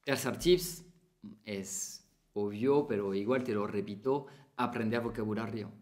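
A man's voice: lowish voice, measured pace, darkish tone. Chatty teacher man. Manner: chatty, repeats phrases, small Spanish slips. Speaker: French teacher. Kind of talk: casual spoken lesson to camera.

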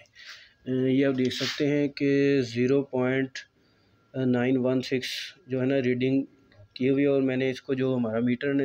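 A man, calmly explaining a step-by-step electronics repair at a workbench, recorded on a phone filming his hands. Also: medium pitch, dull audio. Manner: calm, explanatory, pointing things out. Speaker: repair technician.

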